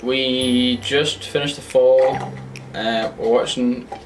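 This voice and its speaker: A nineteen-year-old man with a Northern Irish accent, chatting casually in a relaxed way on a vlog. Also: mid-range voice, slow, recorded from a distance, noisy background. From Northern Ireland, County Antrim. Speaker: student, co-host. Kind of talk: casual chat. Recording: off-mic, music behind.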